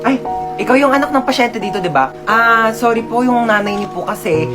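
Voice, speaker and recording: A woman's voice: on the high side, expressive, a little fast. A woman performing comedy skits, dramatic and over the top, switching between characters. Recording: music playing clearly behind.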